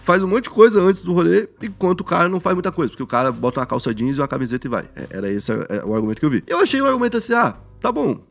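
Animated fast-talking man. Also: a little high, creaky. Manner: animated, slangy, acts out quoted voices. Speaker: podcast co-host. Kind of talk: casual chat.

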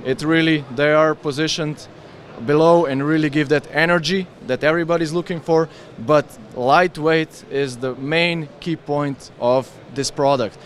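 Eager man pitching skis at a trade fair. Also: steady tone, unhurried, slight background noise. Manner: enthusiastic, explains with hand gestures. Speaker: ski brand representative. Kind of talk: trade fair product interview. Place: busy indoor trade fair hall. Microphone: handheld interviewer mic with windscreen.

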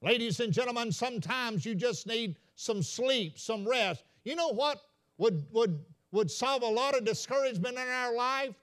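A man, a senior pastor, preaching a sermon in a folksy storytelling way and calling out to "ladies and gentlemen.". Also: very high voice, normal speed. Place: church sanctuary.

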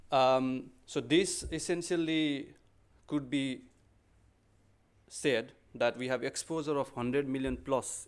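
A man's voice: mid-range voice, darkish tone. A middle-aged man from Nepal presenting at a podium in a conference hall, speaking politely with frequent ums and restarts. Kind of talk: conference talk with slides.

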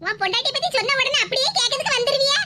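A greedy old mother-in-law in a cartoon, voiced by a woman, always scolding and grumbling. Her voice sits very high and the words tumble out fast. She speaks with a lilt. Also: very noisy. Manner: scolding, nagging. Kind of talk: cartoon voice acting.

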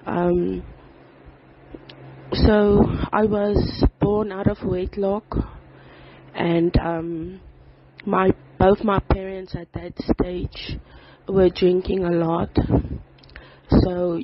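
Slow earnest voice in a phone voice note. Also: mid-range voice. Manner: slow, even and earnest, with pauses and fillers. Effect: phone voice note recording. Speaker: person giving a testimony. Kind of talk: prayer then personal life story. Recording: slightly dull voice note with faint background noise.

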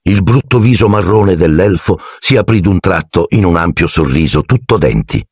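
A man narrating an audiobook in a measured storytelling manner on a close mic. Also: low voice, animated, husky, dry recording. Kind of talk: scripted narration.

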